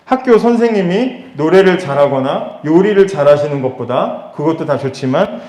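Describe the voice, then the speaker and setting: Male pastor, emphatic and chatty preaching, voice a bit high, reverberant room. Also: expressive, normal speed, darkish tone. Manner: conversational, emphatic preaching with rhetorical questions. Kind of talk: sermon.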